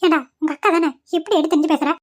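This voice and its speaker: A domineering cartoon mother-in-law, voiced by a woman, cold and harsh, firing off quick scolding lines. The voice sits high and moves fast. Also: fairly even intonation, natural voice. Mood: scornful. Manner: sharp, scolding.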